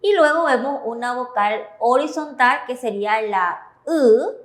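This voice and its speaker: A woman co-hosting a Korean lesson on TV has a Paraguayan Spanish accent; she prompts the teacher with questions and approves the answers in a classroom-style explanation. Her voice is on the high side at normal speed, heard in an echoey room.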